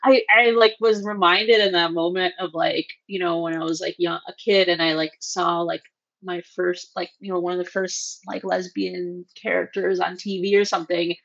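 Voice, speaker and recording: A woman's voice: lowish voice, level tone, normal speed, a bit bright. A woman guest co-host in casual chat, rambling and full of filler words. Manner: rambling, heavy use of like. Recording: dull lo-fi sound.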